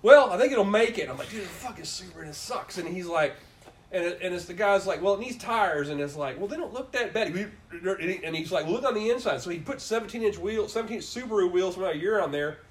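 A man's voice: high-pitched, expressive, fast talker. A man in casual chat, telling a rambling, profane story with lots of laughter.

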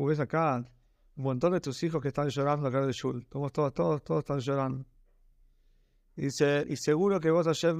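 A man's voice: fairly high pitch, dry recording, natural voice. A man with a Rioplatense Spanish accent voicing a mother of five who pleads earnestly in prayer.

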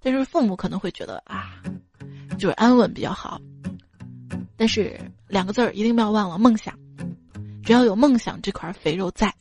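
A woman's voice: mid-range voice, a little fast, pauses often, darkish tone. A woman with a Shaanxi accent hosting a casual talk show, reading listener messages in a joking, teasing manner. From Xi'an, China. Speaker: radio show host. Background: music bed.

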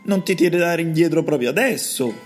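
A woman doing a hollow, deep-voiced skinny ghost. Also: expressive, a little mellow, faint music behind. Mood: pleading. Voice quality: hollow, stovepipe-like voice. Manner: slow, deep and wheedling. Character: gaunt ragged male ghost, pleading and eerie. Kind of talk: children's storybook reading.

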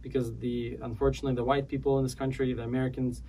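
A man from the former Soviet Union, a podcast guest, speaking earnestly and haltingly with many restarts. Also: medium pitch, flat delivery, mellow, recorded from a distance, slight background noise, rough recording. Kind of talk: casual interview chat.

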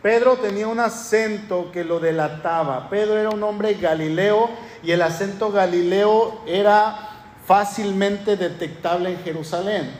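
A man with a northern Mexican accent preaches from the pulpit, his voice sitting notably high for a man. He presses his points with rhetorical questions and piled-up lists. The sound carries the echo of a church room over a faint hum of ambience. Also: a little slow, darkish tone. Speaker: pastor. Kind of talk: sermon.

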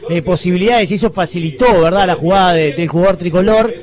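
High-voiced man analysing football. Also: fast. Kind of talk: live radio match analysis. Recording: loud stadium crowd behind. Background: stadium crowd.

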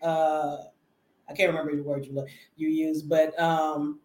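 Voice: medium pitch, flat delivery, measured pace, darkish tone. An interview host asking questions casually, rambling and restarting often. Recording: roomy, echoey sound.

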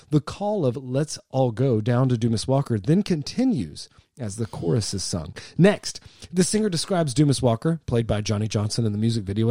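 Mellow-voiced man reading aloud. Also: mid-range voice, dry recording. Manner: reads aloud at length, jokey. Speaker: podcast co-host. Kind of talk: casual podcast chat.

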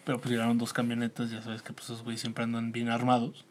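A Mexican man in a casual podcast chat, telling a rambling story that trails off softly. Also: medium pitch, completely flat delivery, fast talker, slight background noise. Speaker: podcast co-host.

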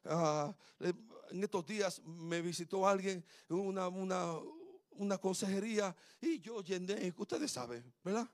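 A man with a notably high voice preaches a sermon, pressing his points hard and then dropping to a hush. The sound is close and dry, with almost no room around it. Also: measured pace, few pauses, no room sound. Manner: emphatic preaching, swinging from loud exhortation to hushed tones. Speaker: pastor.

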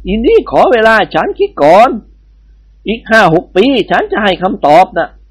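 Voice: mid-range voice, big pitch swings, normal speed, pitched above the performer's own voice. A storyteller voicing a sly, boastful bandit chief. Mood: cheeky.

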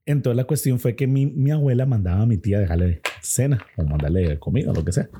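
A man's voice: medium pitch, lively intonation, fast, dark tone, slight background noise. A young Costa Rican man telling a spooky story in a casual, rambling chat full of slang and restarts.

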